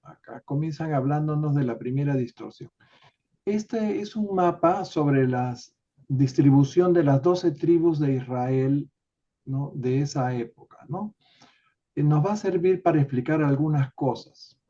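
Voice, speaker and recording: A man leading an online study group, explaining a text in an unhurried way with many tag questions, over a video call. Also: a little high, dark tone. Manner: unhurried, adds filler tags and restarts. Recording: dull lo-fi call audio.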